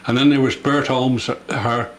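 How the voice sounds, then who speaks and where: A man's voice: medium pitch, fairly even intonation, normal speed. An older man from rural Devon chats and reminisces in old West Country dialect with a Devon accent. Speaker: local villager being interviewed. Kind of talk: casual reminiscing chat. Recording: echoey room, faint background noise.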